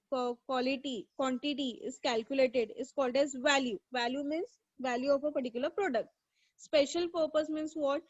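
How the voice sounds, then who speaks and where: A woman's voice: sits high, no echo. A woman teaching an online economics class, quizzing students and praising them by name. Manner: asks questions and praises students by name from chat. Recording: dull, dry lo-fi mic.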